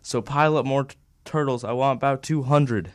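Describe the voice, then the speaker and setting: A woman's voice: very deep voice, fairly quick, no room sound, studio quality, voice pushed down. A woman voicing a boastful, self-important male turtle king in a storybook reading. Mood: bossy.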